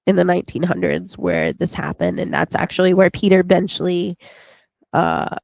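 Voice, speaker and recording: Gravelly-voiced woman rambling through a film recap. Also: on the low side, very animated, moderate pace, a little mellow, no room sound, dull audio. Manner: rambling retelling full of fillers and restarts, acting out quotes. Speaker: podcast co-host. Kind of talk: casual podcast film recap.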